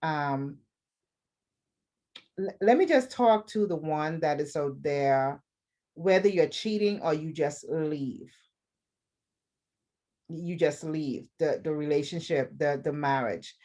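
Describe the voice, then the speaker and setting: Earnest Bahamian woman, low voice. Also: slow, long pauses, dark tone. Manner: earnest, repeats phrases for emphasis. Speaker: podcast host. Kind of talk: personal advice monologue.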